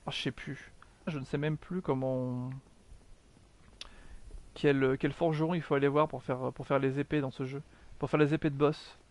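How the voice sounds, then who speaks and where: A man's voice: medium pitch, steady tone, normal speed, long pauses, a little mellow. A man giving chatty live commentary while streaming a video game, mocking himself, swearing often and answering his chat.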